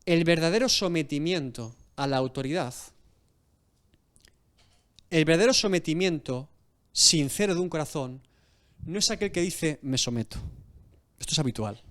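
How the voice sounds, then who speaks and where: A man's voice: on the high side, moderate pace, pauses often. A male pastor giving an expository sermon, telling the story with animation and acting out scenes. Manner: animated storytelling, acts out scenes, laughs often.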